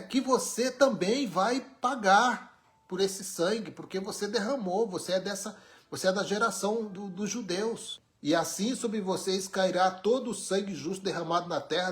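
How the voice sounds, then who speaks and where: A man from Brazil, preaching an informal sermon with emphatic, wry rhetorical questions. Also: high voice. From Brazil, born in Pernambuco, raised in São Paulo.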